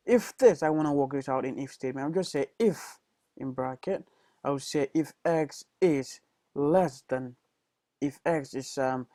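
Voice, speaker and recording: A man's voice: mid-range voice, warm tone, no room sound. A young man giving a casual programming tutorial over a screencast, hesitant, with many fillers and self-corrections.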